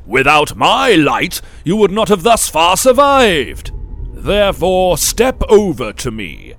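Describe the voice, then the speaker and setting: A man voicing a towering, ancient sun-like elder who smiles and manipulates, speaking in a croaking voice with grand, drawn-out pronouncements. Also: sits high, big pitch swings, fairly bright tone, soft background music, voice pushed up, exaggerated voice. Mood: indignant.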